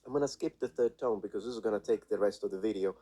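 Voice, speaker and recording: A man's voice: on the low side, quick pace, warm tone, breathy edge, low-quality recording. A man teaching pronunciation in a played video, demonstrating sounds and confidently dismissing what he calls nonsense. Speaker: language teacher. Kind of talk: explanatory lesson in a played video.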